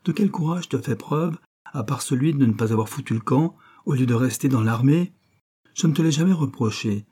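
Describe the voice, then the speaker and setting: A man's voice: medium pitch, lively intonation, fairly quick, dark tone, breathy edge, voice pushed up. A man reading an audiobook and voicing a doctor who defends himself, pleading and combative. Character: Louis, doctor defending himself, moody and stubborn.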